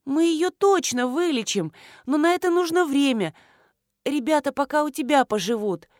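A woman voicing a bubbly, chattering female friend who gushes in a high, excited voice. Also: moderate pace, no echo, studio quality. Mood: gushing. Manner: gushing, chirpy, high and excited.

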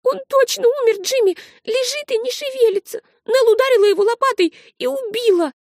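A woman reading an audiobook, voicing a frightened, tearful little girl with a high, shrill, breathless voice. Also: brisk, a little mellow, dry recording, studio quality.

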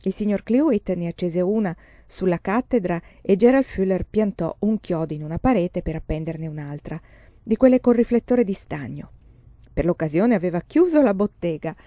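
A woman narrates a novel aloud in a slow, calm, expressive way. Her voice is warm and mellow. The recording is dry, close and somewhat dull. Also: fairly low pitch, no room sound. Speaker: audiobook reader. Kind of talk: scripted narration.

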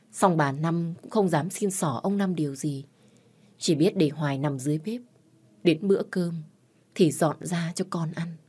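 A woman narrating a dramatic family story in an earnest, measured way. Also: lowish voice, darkish tone, slightly rough.

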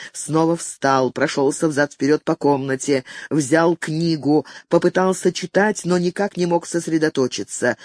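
A narrator reading a novel aloud in a measured, expressive audiobook style. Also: medium pitch, dry recording, clean studio sound.

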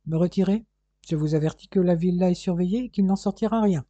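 Reader voicing a stern police inspector, husky. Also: mid-range voice, fast, dark tone, no echo, lo-fi sound, voice pushed up, lightly acted. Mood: insistent. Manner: insistent, coolly formal. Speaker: detective questioning a household.

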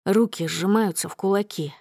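A woman narrating a dramatic first-person story in a mid-range voice. Her delivery is steady and tense. The recording is dry and close. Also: mid-range voice, moderate pace, no room sound. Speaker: audiobook narrator.

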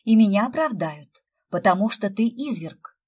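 A woman's voice: mid-range voice, animated, moderate pace, a little mellow, breathy edge. A woman reading the part of an eager, impatient young woman journalist who snaps and presses with questions.

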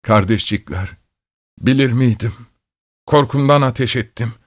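A man's voice: fairly low pitch, slow pace, husky. A man voicing a feverish, frightened carpenter who pleads in a trembling, wheezing voice while crying. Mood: weeping.

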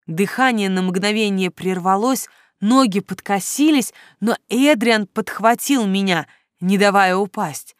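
Female audiobook narrator, first-person storytelling, expressive and emotional; mid pitch, dry booth sound. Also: unhurried, dry recording.

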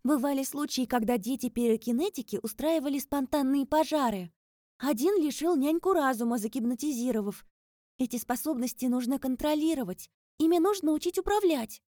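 An eager young woman student, lifted high above a calm voice and pushing hard when she argues her point, as a woman reads her out. Her tone stays mellow. The sound is close and dry, with no room in it. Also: no echo. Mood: insistent. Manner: earnest, quick to get heated.

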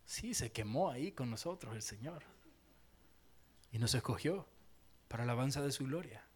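A man preaching a sermon as pastor, animated and playful, acting out little scenes and firing questions at the congregation. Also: mid-range voice, moderate pace, slightly rough.

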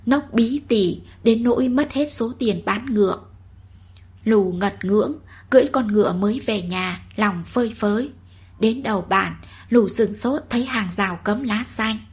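Very breathy woman narrating a story. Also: medium pitch. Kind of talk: scripted narration.

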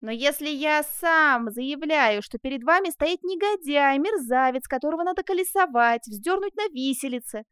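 A woman playing a loud, rash young man. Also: high voice, lively intonation, moderate pace, no room sound, studio quality, pitched above the performer's own voice. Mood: agitated. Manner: exclaiming, agitated.

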